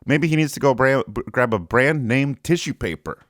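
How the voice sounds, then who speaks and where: A man's voice: mid-range voice, expressive, moderate pace, a bit bright, no echo, clean studio sound. A man hosting a podcast, joking around in casual chat and giving playful word clues. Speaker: podcast host.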